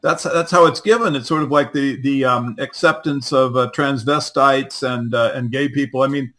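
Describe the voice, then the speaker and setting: A man's voice: medium pitch, fairly even intonation, moderate pace, a bit bright. A man explaining a political theory in a hesitant way, with many fillers and restarts.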